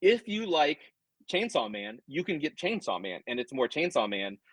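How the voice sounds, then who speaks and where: A man's voice: fairly high pitch, sing-song, moderate pace, breathy edge, no room sound, low-quality recording. A middle-aged man, a comics writer guest, chatting casually and animatedly, drifting into tangents and acting out quoted customers. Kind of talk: casual chat.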